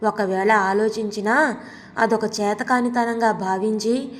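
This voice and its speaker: A woman narrating a story in a calm, steady reading voice. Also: mid-range voice, slow pace. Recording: long hall reverb.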